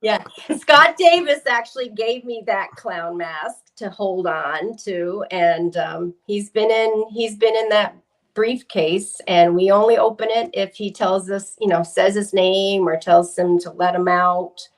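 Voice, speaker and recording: A woman's voice: medium pitch, measured pace, rough recording. Hesitant woman investigator chatting. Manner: hesitant, many fillers and restarts. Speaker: paranormal investigator. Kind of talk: casual chat.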